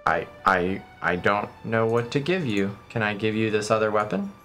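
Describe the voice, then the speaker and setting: A man's voice: fairly low pitch, expressive, normal speed, a bit bright. A man streaming a video game, switching between casual commentary and reading the game's text aloud. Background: game music.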